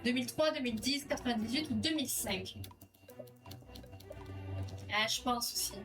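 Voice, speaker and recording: Speaking at normal speed in a fairly high voice, the French host keeps her stream casual and rambling, reading out quiz questions and comments from viewers. Music sits behind her distant mic.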